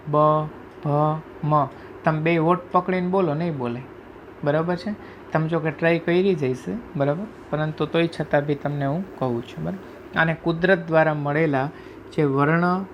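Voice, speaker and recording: A man teaching a class, explaining sounds slowly, reciting letters one by one and often asking if students follow. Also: fairly high pitch, slight background noise. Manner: repeatedly checks understanding with "right?". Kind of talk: classroom lecture explaining Sanskrit phonetics.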